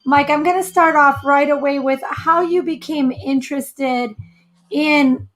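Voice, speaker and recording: A woman speaks in a high-pitched voice as the host of a show. Her delivery is chatty and conversational, suited to introducing and questioning a guest. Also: steady tone, a little slow, a bit bright, low-quality recording. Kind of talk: chatty interview hosting.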